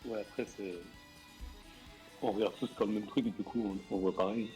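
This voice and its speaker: A man's voice: fairly low pitch, fairly even intonation, moderate pace, warm tone. A man chatting casually as a co-commentator, analysing a video game match. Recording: faint music underneath.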